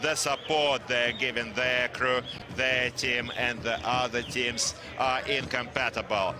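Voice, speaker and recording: A man's voice: medium pitch, flat delivery, measured pace, noisy background. A man giving a live English translation voice-over of sports commentary, hesitant, with frequent fillers and restarts.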